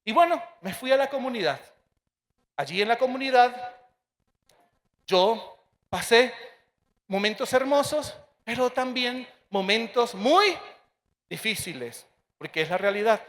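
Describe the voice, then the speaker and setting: Priest in his 40s, pretty high voice, telling his own story all emotional to a crowd of listeners. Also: lively intonation, fairly bright tone. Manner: emotional, earnest storytelling with dramatic pauses. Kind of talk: personal testimony talk to an audience.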